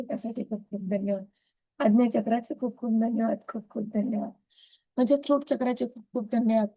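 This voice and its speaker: Earnest woman chanting thanks, higher voice. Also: dark tone, dry recording, low-quality recording. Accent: Marathi. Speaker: gratitude practice leader. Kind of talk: devotional gratitude recitation. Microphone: video call.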